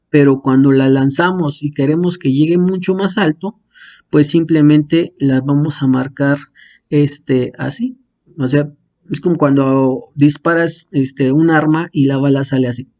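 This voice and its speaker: A man's voice: a little high, creaky, mellow. A man explaining Greek marks as a teacher, hesitant, with many fillers and restarts, using homely comparisons. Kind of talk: explaining Greek accents to a class.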